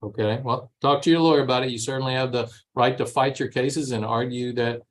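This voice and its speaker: A man speaking as a judge in court proceedings, calm and firm, cutting off argument. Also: mid-range voice, brisk. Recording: faint courtroom background noise.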